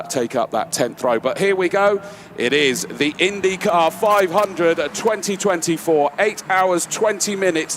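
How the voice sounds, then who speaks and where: A man commentating live on a motor race, chatty and excitable with lots of fillers, out of breath at first. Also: medium pitch, slight background noise. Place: commentary box at a race circuit.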